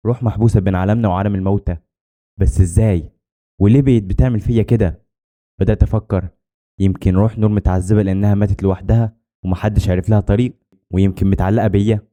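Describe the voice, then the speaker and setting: Fast, dark-voiced Egyptian male horror narrator. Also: lowish voice, fairly even intonation. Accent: Egyptian Arabic. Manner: dramatic storytelling. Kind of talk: scripted first-person horror narration.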